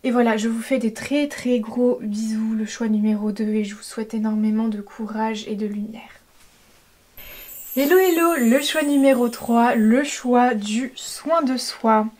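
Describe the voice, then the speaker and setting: A woman giving an intuitive tarot reading, talking hesitantly with many fillers and a gentle tone. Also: fairly high pitch, steady tone, normal speed, few pauses. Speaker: tarot reader. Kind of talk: intuitive card-reading guidance.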